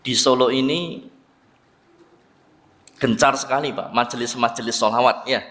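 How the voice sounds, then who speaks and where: A man's voice: medium pitch, a little slow. A man with a Javanese accent preaching in a mosque, telling a story animatedly and acting out its voices. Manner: animated, acts out voices in the story, addresses listeners as "Pak". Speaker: Islamic preacher. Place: mosque hall. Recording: reverberant mosque hall.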